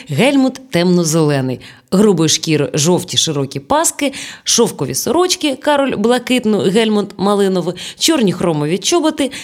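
A woman narrates an audiobook with expressive storytelling. Her voice sits on the low side for a woman, and her pitch rises and falls a great deal as she tells the story. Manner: lively, storytelling delivery.

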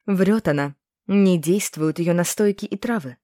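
A woman's voice: on the low side, measured pace, dark tone, no echo, clean studio sound, lightly acted. A woman voicing a bold young witch who talks in a sly, mocking way, in an audiobook. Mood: scornful.

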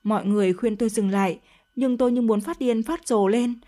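A woman's voice: fairly high pitch, brisk, dark tone. A woman narrating a dramatic first-person story in an emotional, confessional tone.

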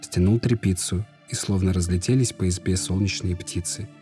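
Low dark-voiced male storyteller. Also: steady tone, moderate pace, soft background music. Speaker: narrator. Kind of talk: storybook reading.

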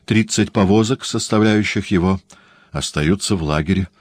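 A young lovesick army lieutenant in an audiobook, agitated and exclaiming, as a man reads him. His voice sits fairly low, and the reading is dry and close. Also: moderate pace, dry recording. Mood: distressed.

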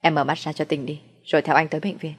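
A woman voicing a young man, a gentle boyfriend who teases and comforts in a soft, reassuring way. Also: deep voice, level tone, fast talker, husky, long reverb tail. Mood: firm.

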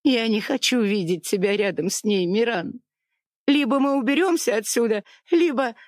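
A narrator voicing a tearful young wife who pleads with her husband in a high, trembling voice. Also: normal speed, creaky, darkish tone, no room sound, clean studio sound. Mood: tearful pleading. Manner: high, trembling, sobbing pleas. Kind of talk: audiobook character voice.

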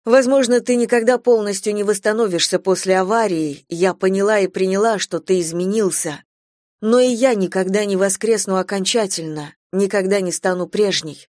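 A woman narrating a novel in first person, reading in a measured, emotional way. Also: medium pitch, a little mellow, no echo, clean studio sound. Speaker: audiobook narrator.

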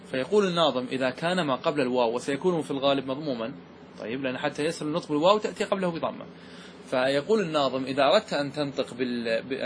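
A man teaching grammar, asking the class questions and slowing down to stress key words. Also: fairly high pitch, slight background noise. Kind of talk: classroom lesson explaining verse.

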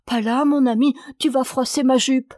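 A woman's voice: sits high, lively intonation, normal speed, a little mellow, no echo, studio quality. A woman reading aloud, voicing an imperious, impatient young wife who scolds sharply. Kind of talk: audiobook character reading.

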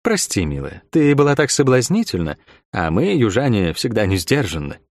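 A man voicing a foreign woman fighter who talks in a cool, sardonic, unhurried way. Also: mid-range voice, sing-song, a little mellow, no echo, voice pushed up, lightly acted. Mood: cold mockery.

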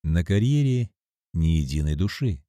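A man giving an expressive first-person audiobook narration. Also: low-pitched, normal speed, no echo, clean studio sound. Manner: expressive, storytelling.

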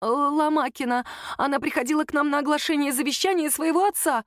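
A woman's voice: high voice, fast, no room sound, studio quality, pitched above the performer's own voice, close to an everyday voice. A woman voicing a frightened secretary who stammers and pleads in a trembling voice.

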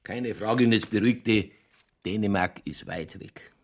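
In a radio crime drama, a man with a gravelly, low-leaning voice plays an older Bavarian police chief, folksy, sly and doubtful. He speaks at a moderate pace in a colloquial, dry, soothing way.

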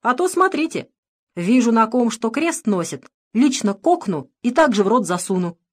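A woman reading the part of a spiteful, rough male partisan who talks in a snarling, threatening way. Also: on the high side, big pitch swings, normal speed, pitched above the performer's own voice. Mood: malicious.

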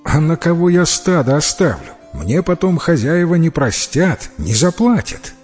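A man's voice: on the high side, big pitch swings, unhurried, darkish tone, soft background music, pitched above the performer's own voice. A man doing a modest young shepherd boy. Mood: doubtful. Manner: hesitant, self-doubting.

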